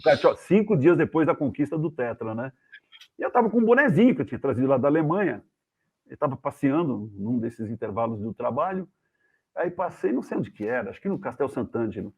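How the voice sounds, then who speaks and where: A man with a Brazilian accent, a guest journalist, telling anecdotes in a casual, animated way and acting out the voices of the people in them. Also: medium pitch, a little fast, slightly rough. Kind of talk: casual storytelling. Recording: tinny phone-like video call audio.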